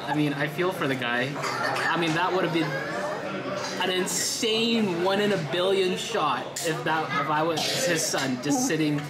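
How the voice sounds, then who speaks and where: A man's voice: a little high, normal speed, very noisy. A man in his thirties, born in the Philippines and raised in Canada, chatting casually about food as a travel vlogger, filmed on a camera held close. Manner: relaxed, chatty, savoring each bite aloud. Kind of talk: casual food vlog commentary. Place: busy restaurant indoors. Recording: crowded room chatter and music behind.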